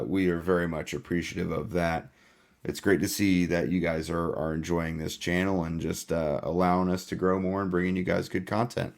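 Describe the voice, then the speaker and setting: On his casual sports podcast, the host talks in a low, hoarse voice that is giving out. He keeps things relaxed, dropping lots of "uh" fillers along the way.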